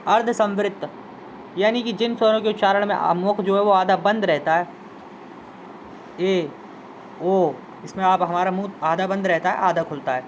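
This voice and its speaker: A man's voice: sits high, fairly even intonation, fairly quick, slight background noise, poor audio. A man teaching a Hindi grammar lesson, repeating terms and sounding out example vowels while inviting students to try them. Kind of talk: classroom lesson explanation.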